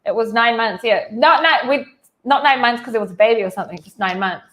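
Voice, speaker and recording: Brisk and a bit bright, with a fairly high pitch, this woman in her thirties recounts her life in a New Zealand accent for a video-call interview. The talk is casual and chatty, studded with "like" fillers and restarts, and she laughs readily.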